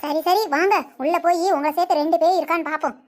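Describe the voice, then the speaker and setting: A high-voiced cartoon daughter-in-law, voiced by a woman. She speaks in a matter-of-fact, dismissive way, with dry humour. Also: fairly even intonation, fast talker, noisy background. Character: sensible, dry-witted young daughter-in-law.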